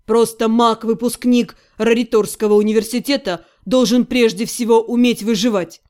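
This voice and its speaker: A woman voicing an earnest young male necromancer who speaks quietly and sincerely. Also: a little high, fairly even intonation, normal speed, pitched below the performer's own voice, natural voice. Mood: tender, earnest. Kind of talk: audiobook character voice.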